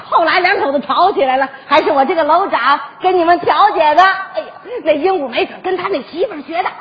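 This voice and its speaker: An actress playing an older, quick-tongued building head, bantering in a stage comedy sketch. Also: female voice, very high voice. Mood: teasing. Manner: teasing wordplay, bantering. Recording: dull lo-fi stage recording.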